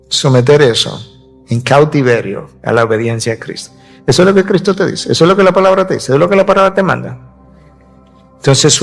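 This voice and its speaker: Man, pastor, teaching sermon, fairly high voice, faint music behind. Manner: teaching from scripture, varying pace for emphasis.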